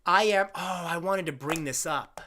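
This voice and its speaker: A man's voice: high voice, normal speed, pushed and bright, a little hiss or hum. A man in his twenties chatting casually on a live stream, reading out viewer questions and rambling with jokes at his own expense. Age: 20s. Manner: rambling, self-deprecating, jokey.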